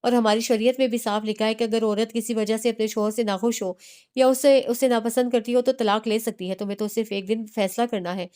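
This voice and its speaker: A woman's voice: on the high side, steady tone, dark tone, clean tone, natural voice. A woman reading the part of a persuasive young woman who coaxes her friend to leave her husband. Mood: coaxing. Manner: coaxing, insistent.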